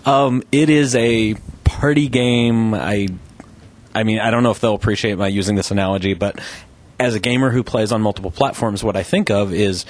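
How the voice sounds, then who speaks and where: Lower-voiced male gaming co-host. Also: steady tone, moderate pace. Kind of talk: casual gaming chat.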